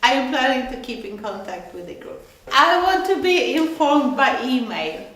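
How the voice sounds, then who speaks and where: A woman teaching a craft course gives halting, reflective interview answers and often restarts her sentences. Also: high-pitched, big pitch swings, fairly bright tone. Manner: halting, searching for words, restarts. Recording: very echoey room.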